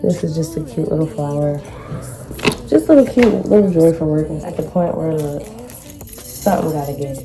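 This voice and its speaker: A woman's voice: low-pitched, normal speed, music in the background. A woman vlogger chatting casually through a shopping haul in an informal, slangy, rambling way.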